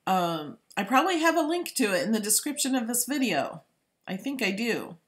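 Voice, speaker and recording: A woman's voice: fairly high pitch, very animated, normal speed. A woman hosting a live stream, talking casually and thinking aloud as she replies to viewers. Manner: chatty, informal, thinking aloud.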